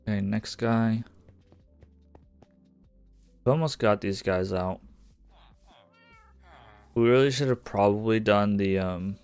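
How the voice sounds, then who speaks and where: Laid-back gravelly male streamer. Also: lowish voice, slow pace, long pauses, darkish tone, no echo. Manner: laid-back, mutters to himself, swears when frustrated. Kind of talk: casual gameplay commentary. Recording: lofi music faint behind.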